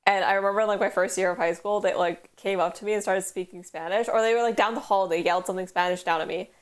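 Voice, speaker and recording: A woman's voice: mid-range voice, fairly even intonation, fast. A young woman from Canada with a West Coast Canadian accent, chatting casually on a stream and rambling with lots of "like". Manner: heavy use of "like", rambling storytelling. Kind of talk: casual chat. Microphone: headphones.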